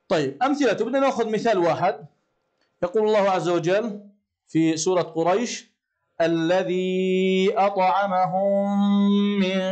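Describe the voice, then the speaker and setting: Guy teaching class, pretty high voice, keeps asking the kids stuff then answering it himself. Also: a little mellow. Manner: asks the class questions and answers them himself; slows down to chant Quran verses. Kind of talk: classroom lesson.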